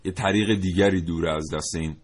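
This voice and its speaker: A man's voice: low voice, fairly even intonation. A man co-hosting a studio discussion, talking in an emphatic, lecturing way. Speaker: co-host.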